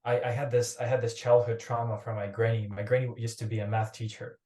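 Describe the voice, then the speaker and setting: Guesting on a podcast, a young startup founder from Ukraine talks in a relaxed, rambling way, often starting phrases over. His mellow, mid-range voice keeps a level tone at a quick pace, captured in a roomy, echoing remote recording.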